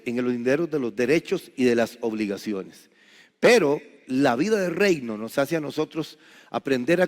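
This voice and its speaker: Pastor preaching in a reverberant hall. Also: male voice. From Costa Rica. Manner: rises to loud, high emphasis then drops to quiet. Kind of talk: sermon.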